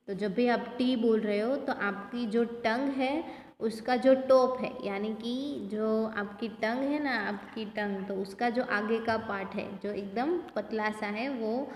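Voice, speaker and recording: A young woman teacher with a Gujarati accent, slowly explaining English sounds and words to young pupils, repeating each word. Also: fairly high pitch. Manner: slow, deliberate word-by-word reading and repeating. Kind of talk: recorded online class for young pupils. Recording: echoey room with long reverb.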